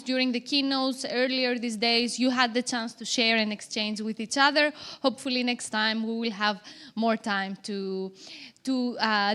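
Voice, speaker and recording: Woman, conference moderator, high voice, bright tone, upbeat. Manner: friendly, upbeat, some fillers and restarts. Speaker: workshop moderator.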